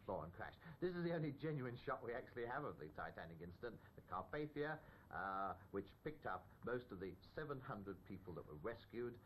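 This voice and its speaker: A man presenting old film footage in an unscripted commentary, explaining things with emphasis and halting pauses. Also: poor audio. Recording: steady background noise with low rumble.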